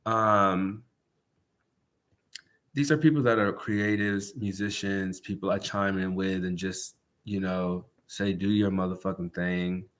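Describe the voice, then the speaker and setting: A man's voice: sits low, steady tone, takes it slowly, fairly bright tone. Congested man rambling on a livestream. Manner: loose, rambling, sprinkled with swearing and slang. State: congested nose. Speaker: podcast host. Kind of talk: casual livestream chat.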